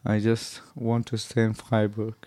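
A man speaks slowly and haltingly, often pausing as he searches for words. His voice is mellow and soft, and it sounds dry and close, with no room sound. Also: lowish voice, completely flat delivery, no room sound. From Afghanistan. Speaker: interviewee. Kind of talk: interview answers in English.

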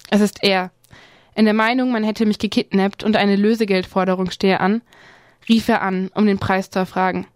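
Woman, literary reading, even middle pitch, measured phrasing, dry studio sound. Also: no room sound. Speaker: reader of a novel excerpt.

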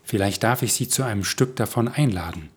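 A man reading the part of a polite, cultivated elderly gentleman with formal manners. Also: lowish voice, brisk, slightly rough. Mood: courteous. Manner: courteous, formal.

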